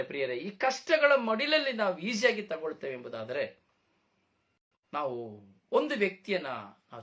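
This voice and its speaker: A man preaching a sermon, emphatic, with repeated phrases and rhetorical questions, dropping to a soft low voice when he asks them. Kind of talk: Kannada sermon.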